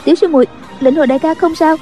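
A woman doing a brisk, commanding young heroine. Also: high voice, warm tone, faint music behind, pitched above the performer's own voice, lightly acted. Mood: urgent.

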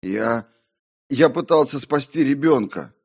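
In an audiobook, a man with a lowish voice plays a terrified medieval mason, speaking at normal speed with light acting. The character sounds frightened and desperate, straining, pleading and crying out.

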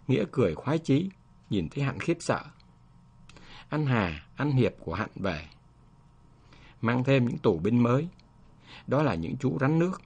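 A man reading a story aloud in a husky, slightly breathy voice. His pitch swings in a lively way as he paces through the tale in a measured, expressive manner. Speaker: narrator. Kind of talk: storybook narration.

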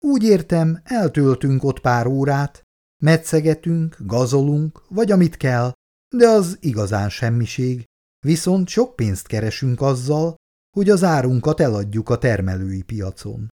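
A man's voice: medium pitch, big pitch swings, warm tone, lightly acted. A man voicing a chatty, jovial older male farmer and grandfather in an audiobook.

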